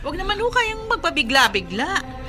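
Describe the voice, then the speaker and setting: An actress playing a worried wife who tries to calm a quarrel and hesitantly questions her husband, in a radio drama. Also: very high voice, moderate pace, over loud music. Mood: placating. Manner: placating, hesitant. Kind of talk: Filipino radio drama acting.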